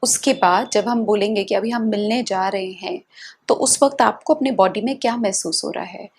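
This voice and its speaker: A woman with an Indian accent guiding a tapping session, speaking calm, slow affirmations for listeners to repeat. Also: mid-range voice, slight background noise. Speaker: EFT tapping practitioner.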